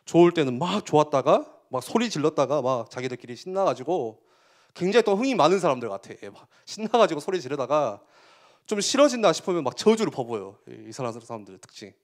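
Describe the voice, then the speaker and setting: A man giving a youth sermon, asking the listeners questions and acting out quotes with sudden loud bursts. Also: fairly high pitch, fast. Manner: animated, asks the listeners questions. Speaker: youth pastor.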